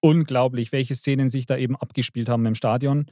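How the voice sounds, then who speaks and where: A man playing a video game with friends, giving excited, playful mock football commentary and cheering the others on. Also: mid-range voice, fairly quick, no room sound, clean studio sound. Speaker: player doing mock commentary.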